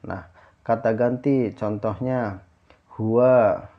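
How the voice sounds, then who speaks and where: A man's voice: lowish voice, steady tone, slow pace, dull audio. A man teaching a class lesson, explaining patiently, repeating himself and restarting words, often adding "ya" as a filler.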